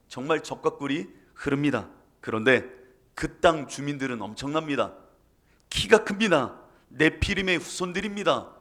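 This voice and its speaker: A male pastor preaches a sermon and tells the story with dramatic emphasis. His voice sits high for a man and has a gravelly, creaky texture. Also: a bit bright.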